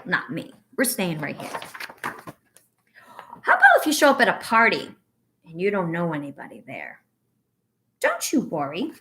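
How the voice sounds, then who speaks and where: With an expressive storybook manner, a female teacher reads to small children and coaches them in a breathing exercise, sounding encouraging and instructive. Her voice is on the lower side, her pace moderate, and she pauses often.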